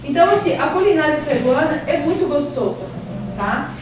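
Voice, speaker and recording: Woman, 40s, high voice, chatty guest, noisy background. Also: lively intonation, normal speed. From Peru, Lima. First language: Spanish. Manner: warm, chatty, many "então, assim" fillers. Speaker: school manager, interview guest. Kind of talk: casual interview answers. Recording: echoey room, distant mic, background noise.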